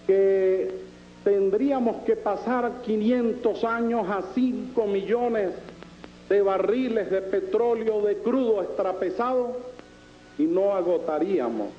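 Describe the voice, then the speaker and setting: A man with a Venezuelan Caribbean Spanish accent giving formal political oratory in deliberate, rhetorical phrases with emphatic repetition. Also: high-pitched, lo-fi sound. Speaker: political speaker presenting a constitutional proposal.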